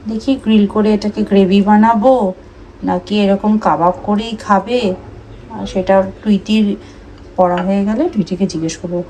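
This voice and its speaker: A woman's voice: medium pitch, steady tone, normal speed, mellow, slight background noise. Chatty Bengali woman vlogging at home. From India. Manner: chatty, talks to viewers while cooking, mixes in English words. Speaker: family vlogger. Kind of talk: casual vlog narration.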